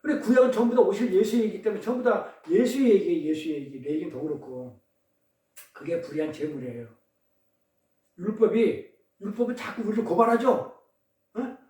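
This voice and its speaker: Male pastor, high voice, lively call-and-response sermon, distant mic, roomy echo. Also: fairly quick, long pauses. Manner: questions the congregation, call-and-response; tells pun riddles. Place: church service. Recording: echoey room, distant mic.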